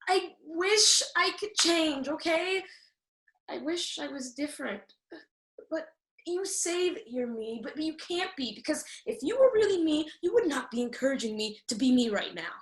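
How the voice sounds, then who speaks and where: A woman's voice: high-pitched, lively intonation, moderate pace. A woman playing a feisty, anxious fairy-tale little girl in a comedic radio play, flustered, defensive and sarcastic. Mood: anxious, pleading. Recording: roomy, echoing sound.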